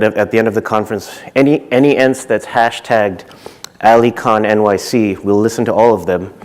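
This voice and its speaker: Speaking through a stage microphone, a man in his thirties from Zimbabwe delivers a conference talk in a fairly low, slightly mellow voice. His manner is casual, halting and restart-prone, with plenty of fillers.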